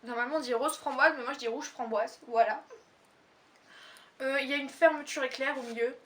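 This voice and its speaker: A teenage girl from Réunion talks through a clothing haul in a high voice, full of fillers and quick self-corrections. She sits a bit back from the microphone, so her voice sounds slightly distant. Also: fairly even intonation, fairly bright tone. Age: teens. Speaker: fashion haul vlogger. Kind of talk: casual haul video chat.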